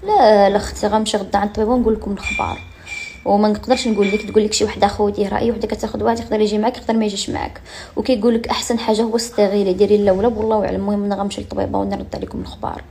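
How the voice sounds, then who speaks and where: A woman's voice: medium pitch, little pitch movement, very fast, warm tone. A young woman with a Moroccan accent, chatting casually and confidingly to her followers on a phone at home, with a gossipy edge. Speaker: lifestyle vlogger.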